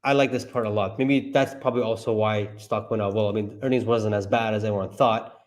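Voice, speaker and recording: Excitable man reacting live to numbers. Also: a little fast. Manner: excitable, talks to himself, bursts into high yelps. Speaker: stock market streamer.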